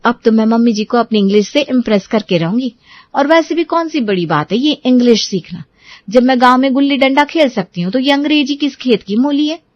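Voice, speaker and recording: Woman doing a young village bride, cartoon, very high voice, halting, earnest. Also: animated, dry recording, muffled recording. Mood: determined. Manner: halting, stumbles over English words.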